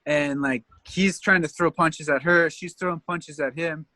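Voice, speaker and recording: A man's voice: a little high, steady tone, a little slow, bright, forceful tone, no room sound. A man from Canada, a tour guide, telling rambling stories in a casual interview, laughing often and leaning on fillers.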